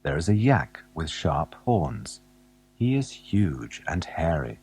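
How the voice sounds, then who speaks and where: A man narrating a children's alphabet storybook, gently asking the young listener questions as he goes. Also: very deep voice, big pitch swings, slow, vocal fry, breathy edge.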